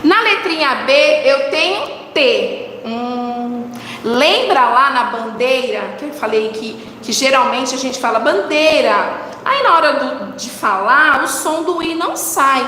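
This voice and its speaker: High bright-voiced Brazilian woman teaching children. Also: animated, a little slow. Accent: Brazilian Portuguese. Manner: warm coaxing teacher talk, asks questions and answers them. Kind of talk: recorded lesson for children. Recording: echoey room with long reverb, faint noise.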